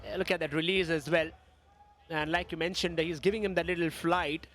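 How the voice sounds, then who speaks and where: A man commentating on cricket in an excited, emphatic way, repeating words for drama. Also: fairly high pitch, drawn-out words.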